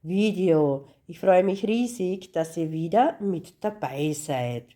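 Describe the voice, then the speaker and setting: A woman hosting her cross-stitch channel, hoarse and husky from a cold, chatting casually through a craft unboxing. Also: fairly low pitch, animated, slow, warm tone. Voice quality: husky, congested.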